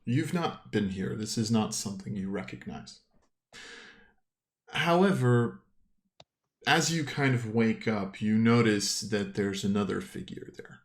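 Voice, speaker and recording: A man's voice: lowish voice, measured pace. A man improvising descriptive, conversational narration as the game master of a tabletop role-playing game.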